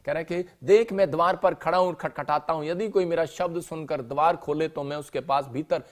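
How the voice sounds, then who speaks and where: In a church, a man with a fairly high voice preaches a sermon at a brisk pace, telling a story and acting out the quotes. He swings between loud outbursts and soft lines.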